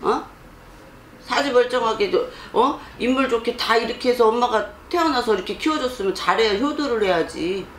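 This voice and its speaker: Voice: medium pitch, normal speed, fairly bright tone. A fortune teller bluntly scolding a young man during a consultation, constantly prodding him for answers. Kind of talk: scolding counsel session. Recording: roomy with faint background noise.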